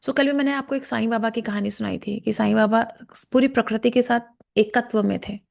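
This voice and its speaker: A woman leading a guided chakra meditation lesson, speaking slowly and calmly and softly chanting verses. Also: fairly high pitch, vocal fry. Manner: slow, calm instruction with softly chanted verses. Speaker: meditation teacher. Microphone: camera and mic.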